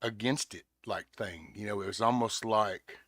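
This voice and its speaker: A man's voice: fairly low pitch, normal speed, fairly bright tone, no room sound, studio quality. A man hosting a podcast in casual chat, rambling with stammered restarts and acting out what others said. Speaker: podcast host. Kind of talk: casual talk-show chat.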